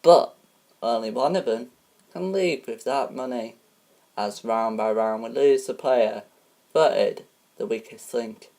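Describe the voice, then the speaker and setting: Very low, slow-talking woman hosting a homemade quiz. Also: warm tone. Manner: halting, many ums and restarts. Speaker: game show host. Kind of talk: homemade game show parody.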